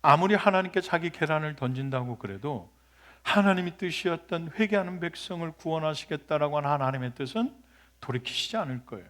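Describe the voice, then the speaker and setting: A male pastor preaches a sermon, retelling a story with lively, conversational energy. His voice sits a little high for a man. He keeps turning to the congregation with questions. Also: fairly quick.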